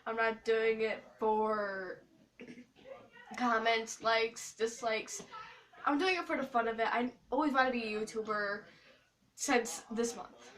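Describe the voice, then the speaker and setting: A woman's voice: a little high, fairly even intonation, takes it slowly, a bit bright. A young, school-age female host talking to camera in a casual, rambling vlog, with a playful, silly, scattered manner. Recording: distant mic, noisy, clicks.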